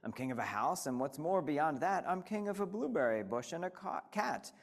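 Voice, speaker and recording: A man's voice: a little high, sing-song, normal speed, vocal fry, exaggerated voice. Yertle the Turtle, as a man puts him on. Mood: gloating. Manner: proud, bellowing declarations. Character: pompous boastful male turtle king, bossy. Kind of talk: storybook reading.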